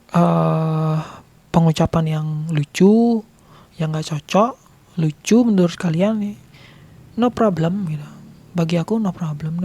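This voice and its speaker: A man from Bali with a Balinese accent, chatting casually to his viewers, laughing often and sometimes dropping into a soft whisper. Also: high-pitched, dry recording. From Bali, Indonesia. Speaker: vlogger.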